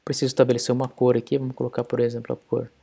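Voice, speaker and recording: Gravelly, husky man teaching code. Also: medium pitch, monotone, racing, mellow. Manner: explains step by step while typing code. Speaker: programming instructor. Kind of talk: coding tutorial screencast.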